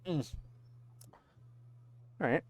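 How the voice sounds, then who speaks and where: A man narrating a tabletop game as game master in a halting, informal, slangy way.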